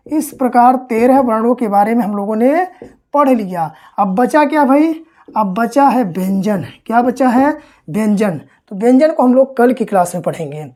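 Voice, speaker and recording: A woman with a fairly high voice teaches an online grammar lesson. She asks the class questions, answers them herself, repeats the main points and says letters slowly and carefully. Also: warm tone. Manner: slow, careful sounding-out of letters.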